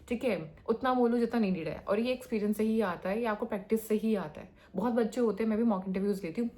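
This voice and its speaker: A woman's voice: mid-range voice, a little mellow. A young woman from India giving casual career advice as a developer. She talks in a hyperactive rush and mixes in phrases. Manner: hyperactive, rapid talker mixing in English phrases.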